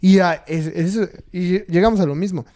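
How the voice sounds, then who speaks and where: A man's voice: sits high, moderate pace, mellow. A man with a Mexican accent, co-hosting a podcast in casual chat, thinking aloud in slangy talk with some swearing. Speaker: podcast co-host.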